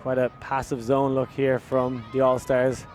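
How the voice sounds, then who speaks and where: An Irish man calling a live ultimate-style game from the sideline, with an average pitch and an easy, chatty flow. His voice climbs in excitement on big plays. A faint hum of outdoor noise sits behind him. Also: unhurried. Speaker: commentator. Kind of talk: live sports commentary.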